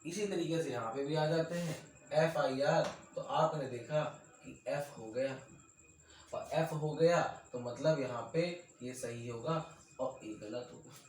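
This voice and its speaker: A man's voice: medium pitch, unhurried, darkish tone. A man teaching an exam-prep English lesson, repeating his points and putting questions to his students. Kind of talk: classroom lesson, explaining to students. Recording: very echoey room, mic far off, faint noise.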